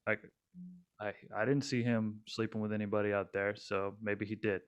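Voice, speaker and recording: A young man talking casually on a podcast, his voice a bit low and smooth. He rambles along, full of "um" and "like," and often restarts a thought. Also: level tone, moderate pace, highs cut off. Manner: rambling with many fillers and restarts. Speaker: podcast co-host.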